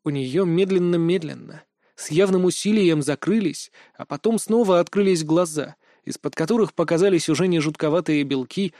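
Expressive male audiobook narrator, dry sound. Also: on the high side, moderate pace, no room sound. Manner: expressive, dramatic storytelling. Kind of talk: scripted first-person audiobook narration.

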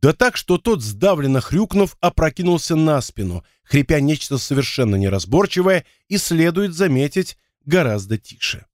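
A man reads an adventure audiobook with a lively, animated delivery and a voice pitched a little high. The recording is dry and close, with no room sound. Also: moderate pace, few pauses, dry recording. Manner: lively, expressive reading. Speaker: audiobook narrator. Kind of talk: audiobook narration.

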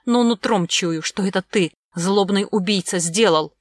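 A woman's voice: medium pitch, a little slow, dry recording, lightly acted. Rich: A young nanny, nervous yet defiant, pleading to protect the children, as a woman narrator voices her. Her voice is raised a touch and urgent, close and dry.

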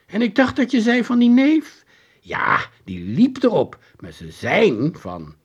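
A man voicing a cheeky, excitable schoolboy in a read-aloud children's story, high and exclaiming. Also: takes it slowly, slightly rough, muffled recording, heavily acted. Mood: cocky excited. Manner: high-pitched, exclaiming and bold.

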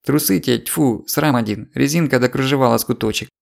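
A man's voice: medium pitch, vocal fry. A man voicing a scheming female market trader with a Ukrainian accent, rattling off tearful complaints. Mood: wheedling complaint. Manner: rapid tearful patter, complaining. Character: sly chattering market trader woman, scheming.

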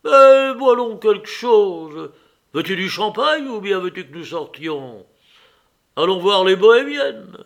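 A man reading an audiobook, voicing a bitter, frightened, drunken elder brother with loud, agitated outbursts. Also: sits high, expressive, unhurried, voice pushed up.

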